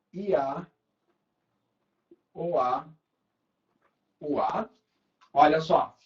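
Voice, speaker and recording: A male teacher with a Brazilian Portuguese accent, giving a grammar lesson at a board, drawing out key words slowly and often checking in with the students. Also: fairly high pitch, lo-fi sound.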